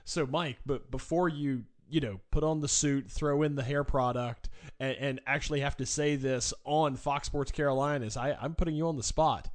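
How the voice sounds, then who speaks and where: A man's voice: mid-range voice, moderate pace. A man hosting a sports talk show, asking playful, rambling questions and plugging his guest.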